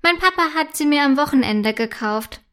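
A loud, mocking little girl from a kindergarten story, as a woman reads her. Her voice is high and lifted. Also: expressive, moderate pace. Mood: chatty.

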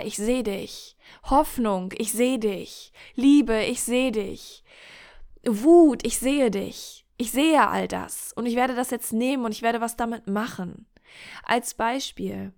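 A woman hosting a podcast, talking in an earnest, self-disclosing monologue straight to the listener, slowing down to repeat key phrases. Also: a little high. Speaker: podcast host. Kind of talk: reflective personal monologue.

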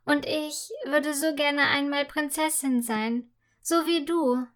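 A woman's voice: sits high, animated, very slow, fairly bright tone, exaggerated voice. A woman voicing a shy young maid girl who stammers when unsure, in a storybook. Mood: shy delight.

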